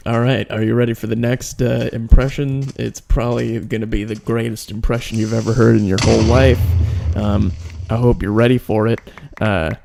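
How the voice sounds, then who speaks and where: A man hosting a comedy podcast, deadpan and self-mocking, rambling with filler into a close microphone. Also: medium pitch, normal speed, vocal fry, hardly any pauses, slight background noise. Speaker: podcast host. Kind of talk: comedic monologue.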